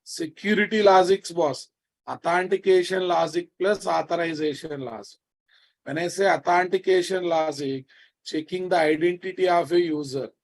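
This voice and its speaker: A programming teacher with a Telugu Indian accent delivers a live lecture in a high voice at a moderate pace. He repeats phrases and keeps checking on his students with familiar, prodding questions, addressing them in a scolding, familiar way.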